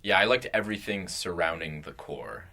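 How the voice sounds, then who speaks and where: A young man from Canada co-hosting a podcast in casual chat, halting with frequent "um"s. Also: low-pitched, lively intonation, gravelly, sharp tone. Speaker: podcast co-host.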